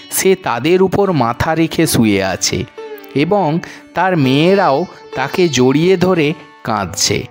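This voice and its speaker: A man narrating a devotional moral story in a slow, measured storytelling manner. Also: on the high side.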